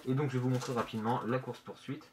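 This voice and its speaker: A man presenting casually in a halting, hesitant way, his voice slightly muffled through a face mask in a bedroom. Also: mid-range voice, steady tone, darkish tone. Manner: hesitant, halting, searching for words. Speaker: manga review vlogger. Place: bedroom, indoors. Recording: noisy amateur room recording.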